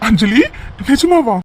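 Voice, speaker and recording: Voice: medium pitch, a little mellow, slight background noise, lightly acted. Voice actor doing a wheedling cartoon young man. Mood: giddy. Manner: wheedling, apologetic with repeated endearments. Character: young man, playful lover who fakes an injury. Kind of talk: cartoon voice acting.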